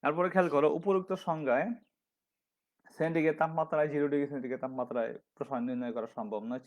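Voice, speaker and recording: Male physics instructor from Bangladesh, mid-pitched, methodical, dictating formulas; slightly dull recording. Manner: methodical, dictating formulas step by step, restarts and self-corrections. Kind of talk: recorded classroom lecture.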